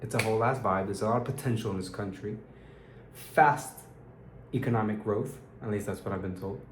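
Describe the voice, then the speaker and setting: A tired young vlogger from Peru with an American accent talks through his evening diary video in a fairly low voice at a brisk pace. He rambles, restarts sentences and throws in slang like "dude" and "bro," his voice echoing around the room over faint ambient noise.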